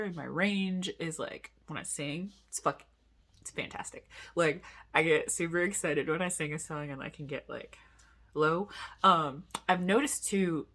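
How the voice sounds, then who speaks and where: Talking straight to camera, a young vlogger rambles casually, giggling and drifting into loose asides. He has a fairly bright voice that sits on the high side.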